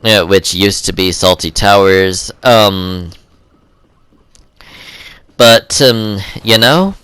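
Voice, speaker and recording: A man's voice: fairly low pitch, very slow, fairly bright tone, clear, resonant tone, dry recording. A young man giving casual gameplay commentary in a rambling way, full of ums and uhs.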